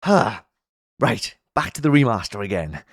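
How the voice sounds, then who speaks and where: Male reviewer, lowish voice, casual wry commentary, dry close sound. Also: very animated, moderate pace, gravelly, dry recording.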